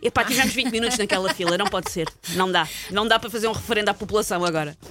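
A woman's voice: mid-range voice, racing, a bit bright, faint music behind. A woman host with a European Portuguese accent, ranting sarcastically in comic chat-show banter.

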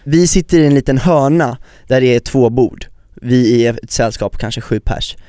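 Guy co-hosting a chatty podcast, animated storyteller, mid pitch, dry close sound. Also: dry recording. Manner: lively storyteller who acts out quotes. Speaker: podcast co-host. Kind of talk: casual podcast chat.

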